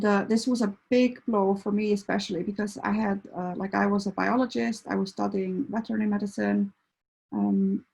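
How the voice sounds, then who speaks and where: A woman's voice: medium pitch, gravelly, darkish tone, slightly rough, poor audio. A middle-aged woman from Iceland, a veterinarian giving a hesitant, casual introductory talk full of fillers. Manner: hesitant, many fillers and restarts. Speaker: veterinarian and behavior counselor.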